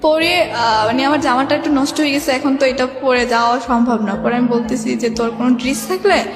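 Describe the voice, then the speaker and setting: A young adult guest with a Bangladeshi accent shares her life story in an informal, rambling way, often quoting remembered dialogue. Her voice sits high and stays steady, moving a little fast. Echo from a reverberant hall fills the recording, and music plays behind her.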